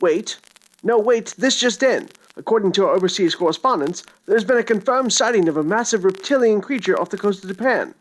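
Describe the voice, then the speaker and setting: A breathless vintage newsreader rattles through a dramatic bulletin in a grand, exaggerated announcer cadence, as someone puts him on. The voice sits at a middling pitch and keeps tipping into overexcited exclamations. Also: expressive, brisk, close to an everyday voice, rough recording. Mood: urgent. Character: frantic old-time newsreader, excitable, theatrical. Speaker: mock news announcer in a podcast promo. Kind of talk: retro emergency radio bulletin parody.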